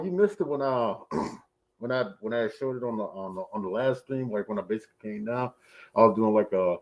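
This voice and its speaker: This man's fairly low voice comes through dull audio as he streams a laid-back movie review. A face mask muffles his speech, and he wanders from point to point, leaning heavily on fillers such as "you know" and "right here."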